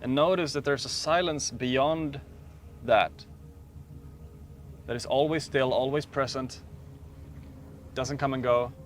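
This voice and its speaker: Soft-spoken man guiding a meditation. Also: mid-range voice. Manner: slow, calm, soft-spoken with long pauses. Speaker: meditation teacher. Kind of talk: guided meditation talk.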